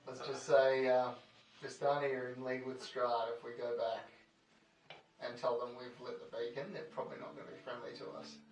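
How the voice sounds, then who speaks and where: Male game player, casual, gravelly voice, roomy distant pickup. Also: medium pitch, little pitch movement, a little fast. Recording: echoey room, distant mic.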